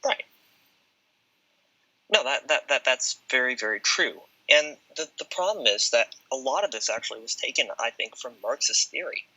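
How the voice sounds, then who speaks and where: Male guest, very bright and husky, argues quickly, popping low-quality audio. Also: expressive. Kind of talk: casual discussion.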